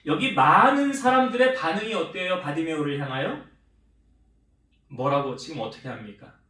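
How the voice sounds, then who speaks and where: A male pastor delivers an animated sermon at normal speed, posing questions to the congregation and answering them himself. He acts out quoted speech by shifting his pitch and loudness, recorded in a roomy, echoey church sanctuary with the mic set some distance away.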